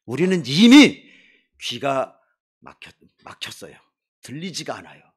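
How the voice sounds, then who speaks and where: A missionary pastor delivers a sermon in a church, his voice pitched high and swooping widely up and down. He keeps asking his congregation rhetorical questions and drops in joking asides. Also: a little slow, breathy edge. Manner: lively, emphatic preaching with rhetorical questions to the congregation; jokes and playful asides to the congregation. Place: church sanctuary before a congregation.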